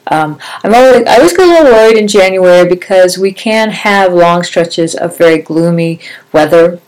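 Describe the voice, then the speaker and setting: A middle-aged woman with a slightly low voice hosts a casual podcast on her own. She talks in an upbeat, rambling, chatty way. Braces make her articulation a touch slurred and wet. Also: animated, normal speed, darkish tone, poor audio. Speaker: podcast host. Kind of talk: casual solo podcast chat.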